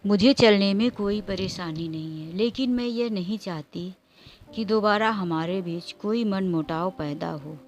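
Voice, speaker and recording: A woman's voice: mid-range voice, measured pace, a little hiss or hum, natural voice. Give me a stubborn young wife speaking sharply, as a woman reads her in a storybook. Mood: angry. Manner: indignant, sharp.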